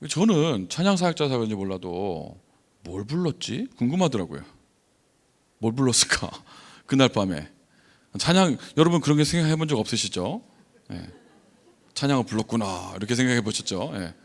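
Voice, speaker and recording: A middle-aged man and missionary preacher giving a conversational sermon in a church. He tells stories with animated rhetorical questions, and his voice sounds gruff, as if angry, even when he is not. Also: medium pitch, a little fast. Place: church sanctuary.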